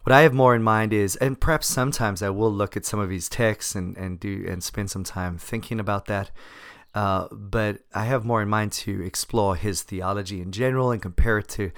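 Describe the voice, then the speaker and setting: A man with a low, gravelly voice, a little hoarse from laryngitis, talks casually as a solo podcast host. He is self-deprecating and wry, and the sound is close and dry. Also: steady tone, moderate pace, a bit bright, no room sound.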